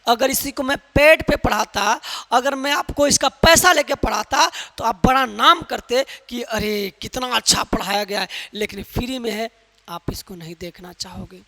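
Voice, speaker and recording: A man's voice: extremely high pitch, normal speed, pushed and bright. A man from Uttar Pradesh teaching an English lesson. He drills pronunciation with repeated questions and calls his listeners brother. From Uttar Pradesh, India. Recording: long hall reverb.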